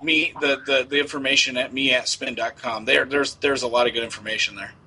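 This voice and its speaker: A man's voice: medium pitch, fairly even intonation, fairly quick, a crowd in the background, low-quality recording. A man improvising casual phone talk as a program organizer, explaining things in a hesitant, repetitive way. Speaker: prank caller posing as a prison program organizer.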